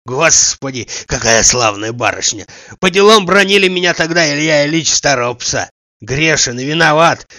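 A man's voice: medium pitch, no echo, close to an everyday voice. A man doing a wheezy old servant. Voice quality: wheezy, hoarse. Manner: loud, exclaiming, bowing and fussing. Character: old male servant, fussy and devoted. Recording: dull dry lo-fi recording.

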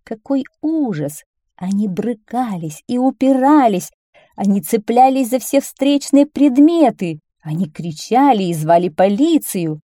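A woman reading a children's story aloud in an expressive, animated way. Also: on the high side, measured pace, no echo, clean studio sound.

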